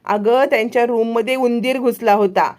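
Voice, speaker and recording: A woman's voice: on the high side, steady tone, normal speed, a little mellow, natural voice. A woman voicing a playful young man who teases and needles. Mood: teasing. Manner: teasing.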